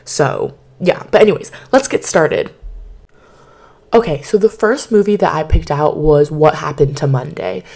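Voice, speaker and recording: A podcast host chats casually from her bed at home into a microphone, rambling with lots of fillers. Her voice is deep, a little mellow and a little slow, and slightly hoarse because she has partly lost it.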